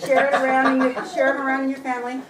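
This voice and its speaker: High-voiced woman giving casual instructions. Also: completely flat delivery, very fast. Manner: loose and chatty, laughing between words. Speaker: organizer handing out materials. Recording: echoey room from far off with chatter.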